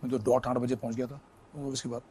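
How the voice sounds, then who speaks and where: A middle-aged man, an actor as an interview guest, telling anecdotes in a casual, lively way and slipping English phrases in. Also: medium pitch, quick pace, husky.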